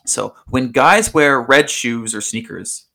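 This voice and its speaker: A man's voice: mid-range voice, slow pace, gravelly, sharp tone. A man co-hosting a casual podcast, reading out listener submissions in an easygoing way and laughing often. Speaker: podcast co-host.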